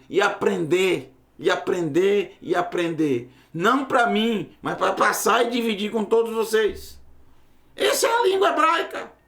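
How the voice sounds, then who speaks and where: Man, high voice, emphatic teacher with rhetorical questions; roomy echo. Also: fairly bright tone. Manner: emphatic, rhetorical questions, bursts into raised exclamations. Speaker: Hebrew teacher. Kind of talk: teaching a Bible-language lesson.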